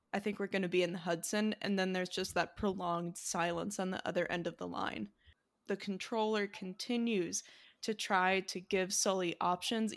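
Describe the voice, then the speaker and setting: A woman hosts a laid-back podcast, her voice at a middle pitch. She talks in a chatty, easygoing way, with frequent likes and ums. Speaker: podcast host. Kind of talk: casual podcast chat.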